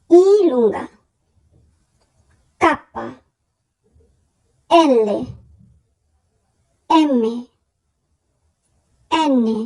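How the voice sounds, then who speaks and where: A young woman teaching a language lesson, saying letters slowly and carefully for learners to repeat. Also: high voice, darkish tone, low-quality recording. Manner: slow, careful pronunciation drills. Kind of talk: spoken alphabet lesson.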